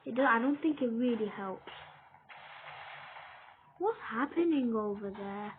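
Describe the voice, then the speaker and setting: A woman's voice: fairly high pitch, expressive, a little slow. Chatty British woman on a tinny mic. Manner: rambling, chatty self-talk. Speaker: gamer. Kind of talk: casual gameplay commentary. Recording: tinny lo-fi with noise.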